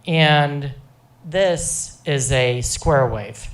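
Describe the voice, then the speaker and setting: A man's voice: on the high side, very slow. A man, a guest professor, explaining technical points in a patient, teacherly way.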